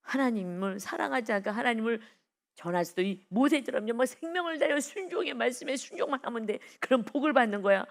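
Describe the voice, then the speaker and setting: A middle-aged woman preaching an early-morning sermon, emphatic and repetitive, rising to loud exhortations. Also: a little high, animated, fast. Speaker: pastor.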